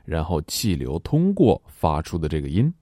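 A man with a deep, dark voice gives a pronunciation lesson, sounding out each example slowly. His pitch swings widely as he jokes. The recording is dry and close. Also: wildly swooping pitch, no echo. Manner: joking, demonstrates sounds slowly and deliberately. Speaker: English pronunciation teacher.

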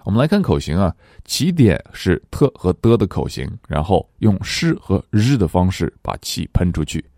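A man whose first language is Chinese, teaching English pronunciation and reading each word slowly twice for his students to repeat. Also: sits low, big pitch swings, dark tone, no echo, clean studio sound. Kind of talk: language lesson, reading words slowly for repetition.

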